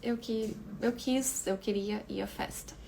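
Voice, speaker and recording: Woman teacher, patient online lesson delivery, unhurried and a bit high-pitched, drills pronunciation by repeating. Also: fairly even intonation, creaky, dark tone, a little hiss or hum. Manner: patient explaining, repeats words slowly for pronunciation; checks in with listeners often. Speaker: English teacher.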